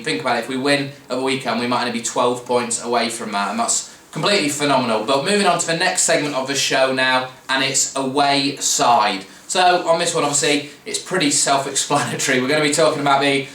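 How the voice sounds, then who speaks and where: A man's voice: medium pitch, bright, forceful tone. A man hosting a football preview show, talking casually and rambling with restarts and fillers. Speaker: fan podcast host. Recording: roomy echo, mic at a distance, faint background noise.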